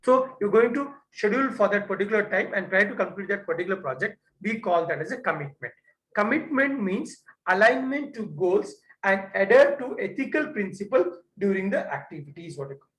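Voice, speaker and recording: A man's voice: sits high, fairly bright tone, reverberant, low-quality recording. A man lecturing a class, often restarting and repeating "what you call".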